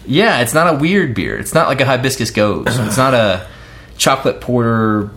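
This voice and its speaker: A man's voice: mid-range voice, animated, normal speed, a bit bright. A man co-hosting a casual podcast, tasting and rating beers, talking in a rambling, hesitant way with many restarts. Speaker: podcast co-host. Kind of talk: casual beer-tasting chat.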